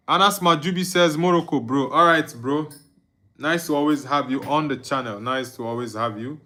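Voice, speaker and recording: A young man from Nigeria, his voice on the high side, bright and forceful, streams a live football watchalong. He chats loosely, reads viewer comments out loud, chuckles, and hums and sings quietly along.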